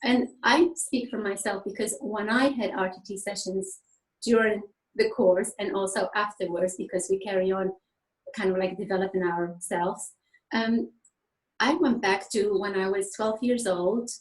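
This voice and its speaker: A woman from Tunisia, raised speaking French and Arabic, talks about her therapy practice in a loose, conversational way. Her pitch sits in an ordinary middle range, and she laughs often and leans on fillers. The room around her is echoey. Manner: animated, laughs often, many fillers like "kind of like". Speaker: therapist guest. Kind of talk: conversational explanation.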